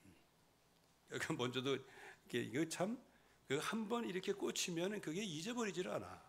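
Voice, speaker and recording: A middle-aged male pastor preaching a sermon in church, swinging from loud emphasis to quiet asides. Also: fairly high pitch, sing-song, brisk, gravelly, breathy edge. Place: church sanctuary.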